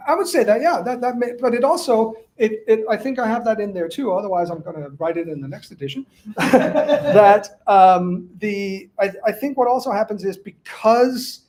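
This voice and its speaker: A man from Denmark, an author answering audience questions in casual academic talk, halting with many restarts and fillers. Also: high voice, lively intonation, a little mellow.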